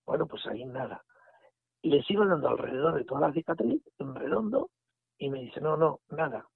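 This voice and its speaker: A man, telling a story in a casual, animated way and acting out the dialogue. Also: fairly high pitch, moderate pace, gravelly, slightly rough, no echo. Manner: animated retelling with quoted dialogue and restarts. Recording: phone line audio.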